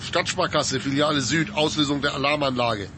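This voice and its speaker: A man's voice: fairly high pitch, normal speed. An actor playing a male patrol officer answering the dispatcher over two-way radio, curt and matter-of-fact. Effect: two-way radio with clicks. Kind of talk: scripted radio sketch for a listening exam. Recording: loud static and radio clicks.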